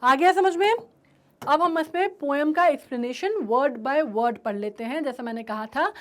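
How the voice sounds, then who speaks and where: A woman teacher with an Indian accent explaining a poem in a lesson, mixing Hindi and English, checking often that students follow, and reading lines slowly. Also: sits high.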